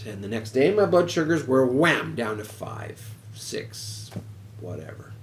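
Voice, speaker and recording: A podcast host tells a personal story casually, speaking frankly and swearing freely. His medium-pitched voice is animated but unhurried. The recording has a roomy echo and faint background noise.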